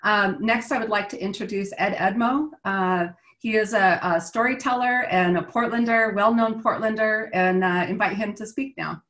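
A woman's voice: mid-range voice, moderate pace, fairly bright tone. A woman hosting an event, giving formal, polite introductions of speakers. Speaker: event host. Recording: roomy echo.

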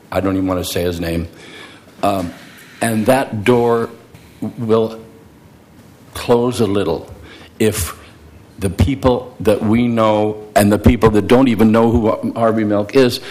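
An elderly man speaks at a public meeting in a deep, low voice. He is informal and halting, circling back to repeat phrases for emphasis. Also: darkish tone. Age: 70s or older. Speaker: veteran bar owner giving testimony.

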